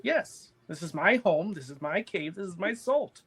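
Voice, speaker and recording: A man's voice: sits high, animated, moderate pace, fairly bright tone, slightly rough, voice pushed up, heavily acted. A man voicing a very old, possessive vampire woman in a tabletop game, talking curtly. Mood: callous, possessive. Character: ancient salt-crusted vampire woman living in a cave.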